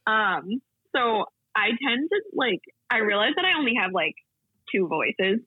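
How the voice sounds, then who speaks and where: A young woman co-hosting a podcast, chatting casually with a slightly gravelly voice and lots of fillers. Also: on the high side, very animated, a little slow, dry recording. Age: young adult. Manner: chatty, laughs often, many fillers. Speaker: podcast co-host. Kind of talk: casual chat. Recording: tinny phone-like sound.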